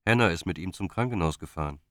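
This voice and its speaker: A man's voice: low-pitched, expressive, fast talker, a bit bright, no room sound, studio quality. A male audiobook narrator voicing an earnest, hesitant young man on the phone. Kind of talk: audiobook character voice.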